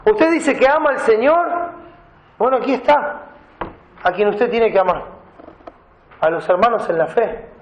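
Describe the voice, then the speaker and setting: A pastor delivers his sermon in a high voice, reading Bible verses and unpacking the words. The sound rings around a reverberant church hall. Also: a little slow, pauses often, slight background noise. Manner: preaching, reads scripture aloud and explains Greek words.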